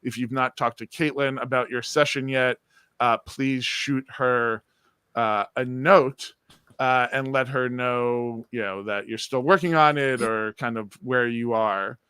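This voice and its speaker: Upbeat guy hosting an online session, lots of uhs, bright crisp voice. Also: medium pitch, fairly even intonation, measured pace, dry recording, studio quality. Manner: upbeat, many filler "uh"s. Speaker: host. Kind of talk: livestream session host.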